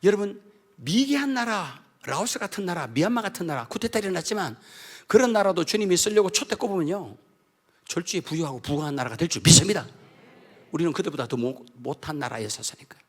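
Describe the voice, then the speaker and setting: A middle-aged man preaches to his church congregation, telling a personal testimony. His voice is husky and sits high, and his pitch leaps up and down. He drops into hushed asides and then bursts out in shouts. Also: animated, a little fast. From South Korea. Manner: emphatic, swinging from hushed asides to shouted outbursts. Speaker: Baptist pastor. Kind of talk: evangelical sermon with personal testimony. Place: church sanctuary during an evening service.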